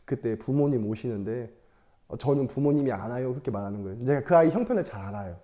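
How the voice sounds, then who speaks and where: Young male evangelist, relaxed talky sermon to kids; warm, mellow, animated delivery. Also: medium pitch, quick pace. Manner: chatty, playful, laughs often; asks the audience questions. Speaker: evangelist preaching to children. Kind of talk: casual sermon with storytelling.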